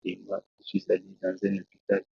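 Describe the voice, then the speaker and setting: Deep gravelly preacher telling his testimony. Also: monotone, dry recording. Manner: slow, halting storytelling with many restarts. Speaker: preacher, guest. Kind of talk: testimony in a talk show interview. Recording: dull, lo-fi dry sound.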